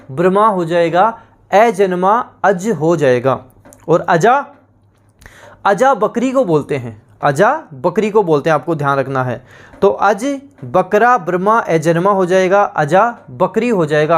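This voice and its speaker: A man teaching an exam-prep language lesson. He repeats each word several times and asks the class questions that he answers himself. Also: high voice.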